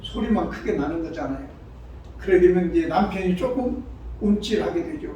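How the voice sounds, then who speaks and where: A male pastor preaching a sermon, who breaks into shouted, acted-out quotes. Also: high voice, moderate pace, slight background noise. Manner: acts out quoted voices with sudden shouts. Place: church sanctuary. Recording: far-off mic in a very echoey church hall.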